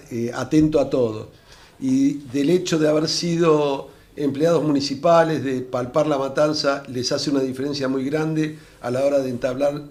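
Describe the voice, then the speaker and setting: Measured male interviewer. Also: medium pitch, a little mellow. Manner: measured, summarizing. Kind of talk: interview questions.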